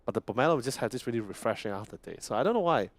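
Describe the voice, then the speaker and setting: A man's voice: medium pitch, expressive, very fast. A young man casting an esports event, chatting casually and laughing often. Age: young adult. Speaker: esports caster. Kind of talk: casual caster banter.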